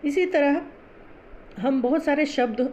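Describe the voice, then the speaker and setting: A woman teaching a Hindi class, explaining pronunciation slowly and patiently, spelling out sounds syllable by syllable. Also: high voice, a little mellow, a little hiss or hum.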